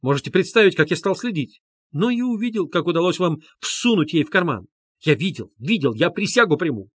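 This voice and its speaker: Guy reading does a fired-up earnest young man, high and loud, keeps repeating himself, dry close sound. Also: big pitch swings, moderate pace, slightly rough, dry recording. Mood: insistent. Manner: heated, insistent, repeating himself. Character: excitable indignant young man, earnest witness.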